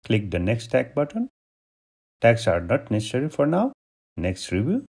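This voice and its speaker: A man from Nepal hosting a step-by-step software tutorial, giving steady instructions over a screen recording. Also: mid-range voice, moderate pace, gravelly, breathy edge. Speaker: tutorial host.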